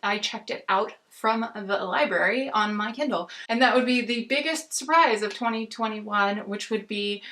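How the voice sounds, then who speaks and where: An American woman with a bright, forward voice at an ordinary female pitch gives a casual book review. She rambles in a halting way, often breaking off and rewording her thoughts. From United States. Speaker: book reviewer on a video channel. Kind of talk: casual book chat to camera.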